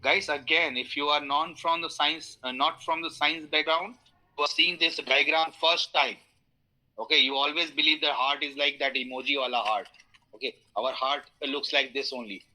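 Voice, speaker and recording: A man with an Indian English accent lecturing online, his voice very bright and slightly high. He explains through everyday analogies, fills pauses with "uh" and "okay", and keeps inviting students to ask questions. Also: fairly even intonation, low-quality recording. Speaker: instructor.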